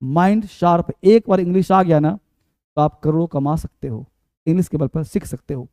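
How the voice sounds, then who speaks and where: A man teaching English to Hindi speakers, drilling verb forms and pronunciation with energetic, coaxing repetition. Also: a little high, moderate pace, no room sound.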